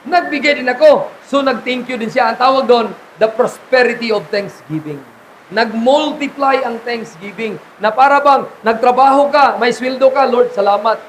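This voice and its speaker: Filipino pastor guy preaching, really high voice, animated, faint noise behind. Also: rough recording. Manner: animated preaching, mixing in laughs and acted quotes. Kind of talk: sermon. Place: church conference.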